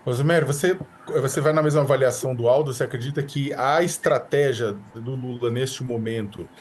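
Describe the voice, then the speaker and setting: A man's voice: mid-range voice, fairly quick, darkish tone, a little hiss or hum. Brazilian anchor guy on a live news show, middle voice, reads then asks questions. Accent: Brazilian Portuguese. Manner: clear read delivery, loosens with fillers when questioning. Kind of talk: news anchor reading and moderating.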